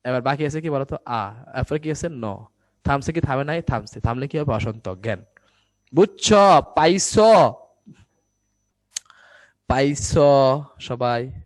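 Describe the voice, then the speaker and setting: Recorded indoors for an online class, a young man teaches Bangla grammar, quizzing students with quick questions and then answering them himself. His pitch is average, and the sound is close and dry with no room echo.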